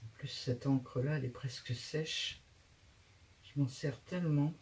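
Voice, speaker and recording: A woman's voice: sits low, fairly even intonation, measured pace, darkish tone. A woman hosting a casual craft tutorial, chatting and thinking aloud as she works, with frequent hesitations.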